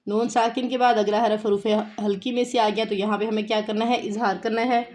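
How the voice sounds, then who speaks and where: A woman's voice: fairly high pitch, level tone, darkish tone. Patient woman teaching recitation. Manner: patient, repeats words slowly to demonstrate pronunciation. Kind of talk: tajweed lesson, explaining and reciting slowly.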